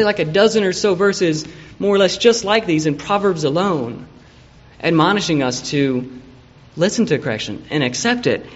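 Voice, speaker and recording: A man's voice: sits high, muffled recording. A man preaching an evening sermon in a conversational way, acting out the people he quotes.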